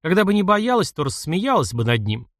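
Brief: male narrator, animated pitch, dry studio read. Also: a little fast, no room sound. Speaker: audiobook narrator. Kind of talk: literary audiobook narration.

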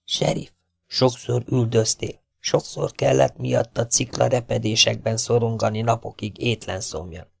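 A man reading the lines of a quiet, menacing young outlaw in an audiobook, keeping his voice hushed and low. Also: steady tone, vocal fry, dry recording. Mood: threatening.

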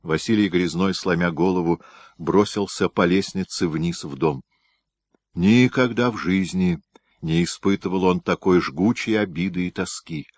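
A man narrating an audiobook in an expressive storytelling manner. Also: sits low, measured pace, dry recording. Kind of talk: scripted narration.

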